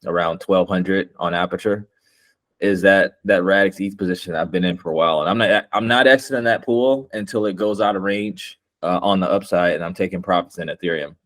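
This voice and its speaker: Guy with a lowish voice talking crypto like a cocky bro, slangy, bragging, super casual. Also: a little fast, a bit bright. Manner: bro-ish, slangy, confident boasting. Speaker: crypto investor and video maker. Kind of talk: casual chat about crypto investing.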